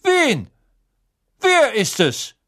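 A man's voice: fairly high pitch, wildly swooping pitch, takes it slowly, voice pushed up, heavily acted. A man voicing a stiff older ministry official who speaks in tense, clipped bursts. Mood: doubtful.

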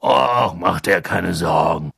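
A hulking, kind-hearted giant of a gamekeeper speaks in a low, husky growl full of gravel, as a male reader puts him on. His voice rolls up and down with lively swings. The recording is close and dry, with no room sound. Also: measured pace, no echo, heavily acted. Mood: gruff comforting. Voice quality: gravelly, husky, rough dialect-tinged speech.

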